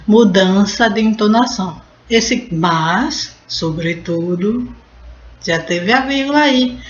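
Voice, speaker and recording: A Brazilian woman teaching Portuguese in a casual video lesson, talking in a chatty way and stopping to explain and fix words as she goes. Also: medium pitch. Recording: roomy, dull and slightly noisy.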